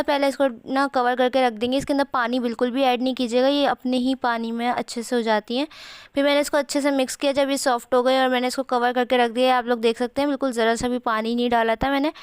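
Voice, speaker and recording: A young woman with a sore throat rambles through the voice-over of her home cooking vlog, using many fillers. Her high-pitched, smooth voice is recorded close to the mic with no echo.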